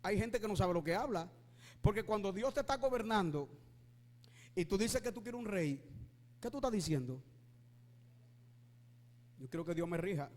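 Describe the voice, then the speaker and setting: A male pastor preaching with fervor, shouting at his peaks and asking his listeners rhetorical questions. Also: high-pitched, animated, moderate pace, long pauses, long reverb tail. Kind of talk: preaching sermon.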